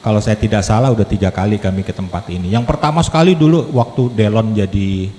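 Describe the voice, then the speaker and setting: A man's voice: fairly low pitch, fast, warm tone. A man in his fifties preaching as a lay speaker to a congregation, chatty and joking, drawing the audience in with questions. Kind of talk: sermon with humor. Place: church hall. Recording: echoey hall, faint background noise.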